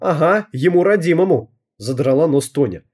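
A cocky, bossy teenage girl who leads a school gang and talks in street slang, as a man puts her on. The voice sits well above his own, with a husky, mellow tone. An audiobook reading. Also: fairly high pitch, animated, normal speed, voice pushed up. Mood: boastful. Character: brash tough teenage girl, gang leader.

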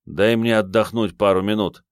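Man reading a tired hero, short dry answers, low voice. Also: moderate pace, no room sound, natural voice. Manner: terse, dryly calm. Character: battered young male hero, dry and curt.

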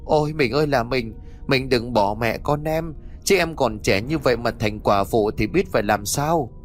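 A man's voice: medium pitch, normal speed, faint music behind, natural voice. A man voicing a fretful young village wife who wails and laments. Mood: wailing. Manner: wailing, lamenting.

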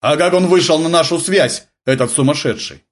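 A man's voice: a little high, moderate pace, pitched above the performer's own voice, lightly acted. A man voicing a stern, tense naval senior lieutenant who gives curt, commanding orders in an audiobook. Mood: angry. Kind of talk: audiobook character voice.

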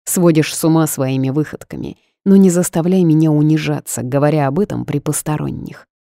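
A woman's voice: low-pitched, steady tone, a little fast, gravelly, dark tone, no room sound, clean studio sound. A woman doing a smug seductive boss. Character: smug seductive male boss, calm and commanding.

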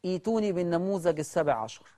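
An Egyptian-accented teacher giving a televised religious lesson. The delivery is lively and questioning: a question is put to the viewers, then answered right away. Key words get drawn out slowly for emphasis. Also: medium pitch. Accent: Egyptian Arabic. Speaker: Quran recitation teacher on TV.

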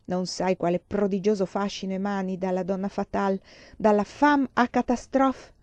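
A woman reading aloud, voicing an excitable, scheming young woman friend in a novel. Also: medium pitch, normal speed, dry recording, lightly acted. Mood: insistent. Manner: eager, insistent, persuasive.

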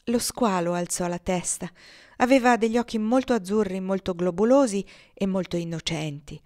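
A woman reading a novel aloud in a measured, expressive way. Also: medium pitch. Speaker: audiobook reader.

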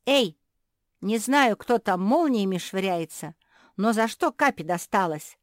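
A woman's voice: mid-range voice, lively intonation, measured pace, dry recording, clean studio sound, pitched above the performer's own voice, natural voice. A woman voicing an indignant young female animal with a sore paw in a children's storybook. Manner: loud, outraged.

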